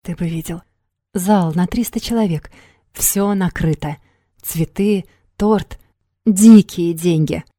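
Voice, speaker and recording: A woman's voice: lowish voice, takes it slowly, mellow, dry recording, clean studio sound. A woman voicing a weary, resigned young woman. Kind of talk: audiobook character reading.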